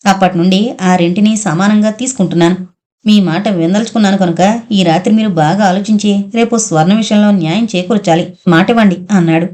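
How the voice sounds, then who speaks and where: A woman's voice: medium pitch, quick pace, a little mellow. Woman narrating a novel. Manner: storytelling narration that shifts tone for dialogue. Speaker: audiobook narrator. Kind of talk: narrating a novel, reading all the characters' lines.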